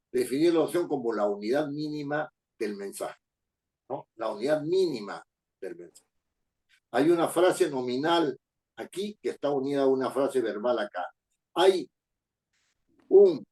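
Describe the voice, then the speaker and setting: Hombre mayor que da clase con tono enfático. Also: male voice, mid-range voice, warm tone, rough recording. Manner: emphatic, repeats phrases, asks for confirmation. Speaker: lecturer. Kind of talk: classroom lecture.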